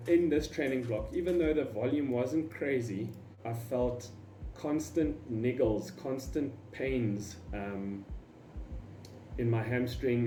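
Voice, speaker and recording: A man's voice: medium pitch, warm tone. A man giving an informal vlog explanation in an opinionated, emphatic way. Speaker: running vlogger. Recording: roomy echo, faint music behind.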